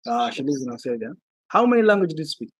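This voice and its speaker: A man hosts an interview in a dry, close sound. He talks haltingly, repeating words and filling pauses as he hunts for his questions. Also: a little high, very animated, breathy edge, no room sound. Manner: hesitant, repeats words, many fillers. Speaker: podcast host. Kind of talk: hosting an interview.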